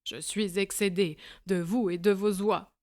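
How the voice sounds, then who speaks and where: A woman reading an audiobook, voicing a fed-up male goose dealer who shouts and blusters. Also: medium pitch, moderate pace, lightly acted. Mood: furious.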